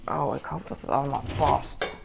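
A woman's voice: a bass voice, normal speed, vocal fry, very noisy. A woman chatting casually to camera at home in her kitchen, rambling with many fillers and asides to herself. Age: adult with a son. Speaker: vlogger. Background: dishes and cutlery clatter.

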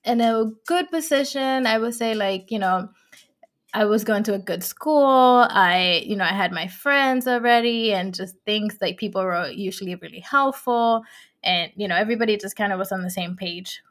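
A woman's voice: medium pitch, normal speed, fairly bright tone. Chatty woman from the Dominican Republic. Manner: chatty, frequent fillers, laughs often. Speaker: guest, company co-founder. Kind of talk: casual interview chat.

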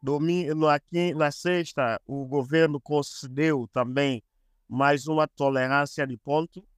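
A man chatting as a podcast guest, explaining things deliberately and repeating phrases. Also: on the high side, fairly even intonation, clean tone, no echo, studio quality. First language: Portuguese. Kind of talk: casual explanatory chat.

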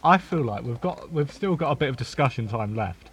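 A man's voice: medium pitch, expressive, brisk, slight background noise. A man co-hosting a podcast, chatting casually and eagerly butting in with trivia. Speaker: podcast co-host. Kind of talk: casual chat.

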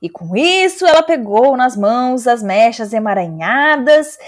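A Brazilian woman podcast host reading a story aloud and breaking off for expressive, dramatic commentary. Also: a little high. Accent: Brazilian Portuguese.

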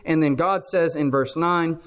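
A man's voice: fairly high pitch, a little slow, a bit bright. A man preaching a Bible class sermon, explaining step by step and repeating key phrases for emphasis.

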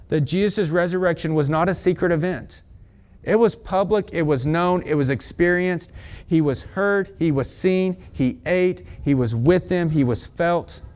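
Excited man preaching a sermon. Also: on the high side. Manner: excited, fast-talking preaching with asides to the congregation. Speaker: pastor. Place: church.

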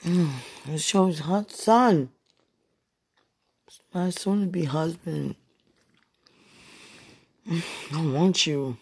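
A woman leaving an intimate voice message from her bed, sighing and slipping between low murmurs and whispers, with her phone right at her mouth. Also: drawn-out words, pauses often, a little mellow, breathy edge, no room sound. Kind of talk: intimate late-night voice message. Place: lying in bed at home. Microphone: phone held right at the mouth.

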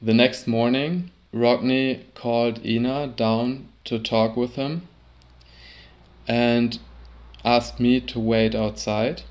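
A man telling a personal sailing story in a halting way, often repeating and restarting words. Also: medium pitch, steady tone, darkish tone, highs cut off. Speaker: sailor recounting a trip.

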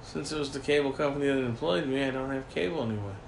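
A man's voice: mid-range voice, fast talker, creaky, reverberant, slight background noise. A man co-hosting a casual podcast chat from home, profane and rambling, laughing often, while nursing a broken foot. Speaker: podcast co-host. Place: home room with a dog nearby.

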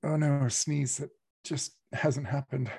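A man working as game master, casually narrating a tabletop game in a halting, thinking-aloud way. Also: medium pitch, steady tone, creaky, warm tone, husky, dry recording.

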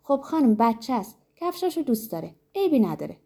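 Storybook grandmother: kind, coaxing, warm and mellow, as a woman reads her. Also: fairly high pitch, big pitch swings, slightly rough, pitched above the performer's own voice, heavily acted. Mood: soothing. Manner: gentle, coaxing.

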